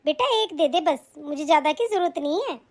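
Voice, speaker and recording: A woman voicing a gentle, humble elderly aunt in an animated story, speaking softly and modestly. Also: sits high, fairly quick, pitched below the performer's own voice, natural voice. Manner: soft, modest, affectionate.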